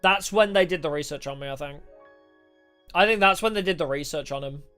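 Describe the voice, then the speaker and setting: A woman livestreamer giving casual game commentary, with animated reactions and chatty asides. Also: deep voice, brisk. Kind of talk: casual game commentary, reading dialogue aloud. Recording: music playing behind the voice.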